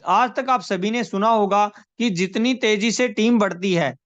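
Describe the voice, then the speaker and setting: A man giving a persuasive sales pitch on a video call, repeating numbers and calling listeners friends. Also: no room sound. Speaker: presenter of a money scheme. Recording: dry, dull lo-fi call audio.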